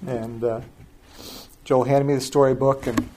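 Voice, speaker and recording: An older man with a mid-range voice gives a sermon as pastor. He talks in an easy, conversational way and often sinks to a soft, quiet tone to make a point. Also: medium pitch, level tone, measured pace, a little hiss or hum. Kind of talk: sermon with personal story.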